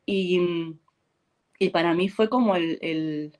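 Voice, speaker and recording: Taking her time, a Spanish actress with a fairly low voice chats comfortably in an interview. Her stories come alive as she performs quoted dialogue and keeps bursting into laughter.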